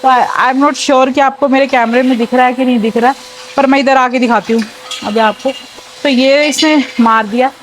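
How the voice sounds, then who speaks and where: Young mom vlogging chores, pretty high voice, chatty, phone cam at home w faint household hum. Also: female voice, fairly even intonation, normal speed. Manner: chatty, mixes English into Hindi, talks to her child between lines. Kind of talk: casual home vlog chat. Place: home, indoors, while cleaning floors.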